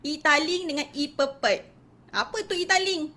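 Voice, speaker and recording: A woman's voice: sits high, moderate pace, bright, forceful tone. A woman teacher with a Malaysian accent, giving a casual live-stream lesson, chatty and peppering her talk with little interjections as she greets viewers.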